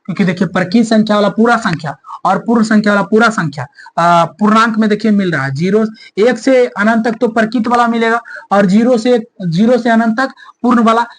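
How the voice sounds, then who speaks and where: A man's voice: high voice, fairly quick, hardly any pauses. A male maths teacher explaining a lesson step by step, asking the class rhetorical questions and repeating key points. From India.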